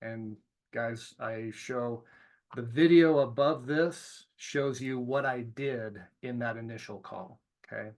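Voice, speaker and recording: A casual, self-deprecating male trainer teaches students about cold calls in a video lesson with commentary. His mid-range, darkish voice moves at a slow pace, and he keeps things informal, often checking in with "okay?".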